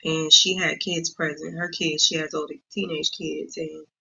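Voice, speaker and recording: Woman guest, gravelly and bright, halting delivery, dull lo-fi recording. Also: deep voice, little pitch movement. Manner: hesitant, many pauses and ums. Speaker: guest sharing her story. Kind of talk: casual interview talk.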